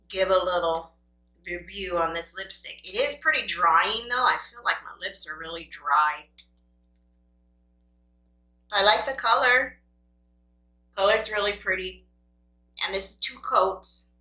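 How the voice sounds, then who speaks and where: A woman's voice: mid-range voice, a little slow, pauses often, sharp tone. A woman vlogger chatting casually and playfully to camera as she eats, talking between bites with little mm sounds. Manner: talks between bites with small appreciative mm sounds; playful self-talk, grumbling at the food. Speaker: mukbang vlogger. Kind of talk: casual chat to camera while eating. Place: room at home. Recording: roomy, echoing indoor sound.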